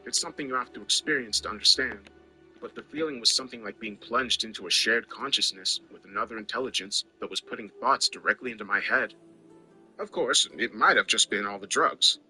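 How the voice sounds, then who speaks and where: First-person story narrator, male, low voice with a sharp bright edge, wry and conversational over faint music. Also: fairly quick, rough recording.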